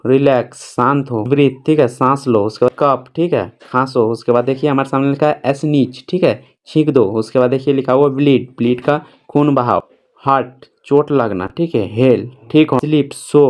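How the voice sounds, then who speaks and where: A man running through a long vocabulary list, saying each English word and then its Hindi meaning. He talks quickly and steadily, with a mid-range voice and frequent "thik hai" fillers between items. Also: mid-range voice, a little mellow. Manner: brisk, repetitive, fills pauses with "thik hai".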